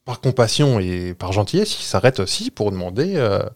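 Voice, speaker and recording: A man tells a roadside ghost story in an easygoing, jokey way, with many little hesitations. His pitch rises and falls freely as he talks. The sound is dry and close, with hardly any room around it. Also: sing-song, normal speed, darkish tone, no room sound. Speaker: podcast storyteller. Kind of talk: casual storytelling chat.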